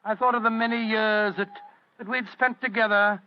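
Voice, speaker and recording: Man acting high-voiced, genial elderly English doctor. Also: fairly even intonation, moderate pace, lightly acted. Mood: nostalgic. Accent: British. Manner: genial, slightly bumbling, stammering. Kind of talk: 1940s radio acting. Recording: dull old radio recording.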